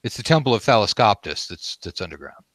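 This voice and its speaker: A man improvising narration as game master of a tabletop game, often halting to search for words. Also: lowish voice, big pitch swings, fairly bright tone, no echo.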